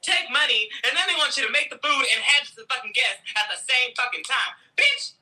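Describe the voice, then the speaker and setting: A woman ranting to camera, loud, profane and dramatic. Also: high-pitched, animated, fairly quick, poor audio. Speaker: ranting storyteller. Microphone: desk camera mic.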